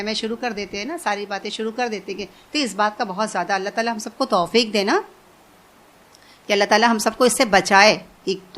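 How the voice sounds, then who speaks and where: A woman's voice: sits high, fairly bright tone. A woman giving an informal religious lesson, talking conversationally, repeating phrases and asking her listeners questions. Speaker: Quran teacher.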